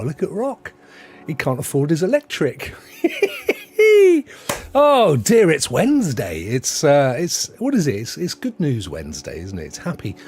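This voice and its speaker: A man's voice: fairly high pitch, a little mellow. Chatty British man hosting a stream. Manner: chatty, jokey, rambling with self-corrections. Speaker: host. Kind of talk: casual chat on a gaming livestream. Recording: faint background music. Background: faint music.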